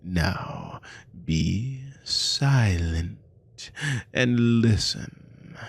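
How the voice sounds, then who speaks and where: A man playing a cruel, haughty naga army commander in an ASMR role-play, slow and domineering, with a gravelly, breathy voice. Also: low voice, darkish tone, exaggerated voice. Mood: menacing, commanding. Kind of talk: scripted ASMR role-play monologue to a captive listener.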